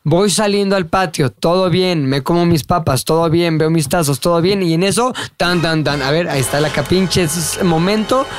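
A man's voice: a little high, normal speed, hardly any pauses. A Mexican man hosting casual comedy banter, teasing his friends in slangy, sweary frat-bro talk. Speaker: comedy podcast host. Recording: loud music bed under speech. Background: music.

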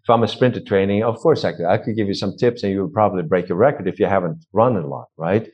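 A man's voice: deep voice, fast, darkish tone, slightly rough. A man working as a vocal coach, explaining technique in an interview and demonstrating points with his own voice. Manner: instructive, demonstrates voice techniques aloud. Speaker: vocal and performance coach, guest. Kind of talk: interview conversation. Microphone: cheap microphone. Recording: dull lo-fi microphone.

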